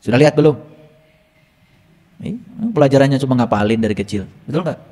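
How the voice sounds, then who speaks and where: A man's voice: medium pitch, brisk, dark tone. A male religious teacher gives a teaching lecture, teasing his listeners with rhetorical questions. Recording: long reverb from a hall.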